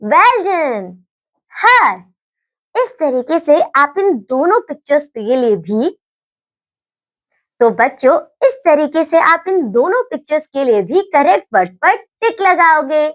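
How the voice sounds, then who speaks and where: A woman's voice: high-pitched, sing-song, a little slow. A woman teaching children a phonics lesson, spelling words out letter by letter and reading them aloud cheerfully and encouragingly.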